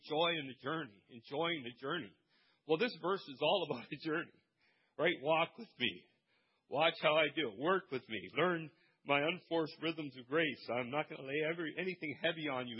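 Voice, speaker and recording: A man preaches a lively sermon, his voice a touch high and husky. He moves from quiet asides to shouted calls. The recording sounds dull and muffled. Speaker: pastor.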